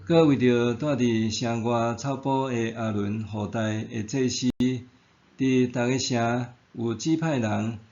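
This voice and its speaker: Slightly dull recording, guy with a taiwanese hokkien accent reading a devotional really slowly, measured and formal. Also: medium pitch, fairly even intonation, darkish tone. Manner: measured, formal read-aloud delivery. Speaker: devotional reader and narrator. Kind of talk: scripted devotional narration.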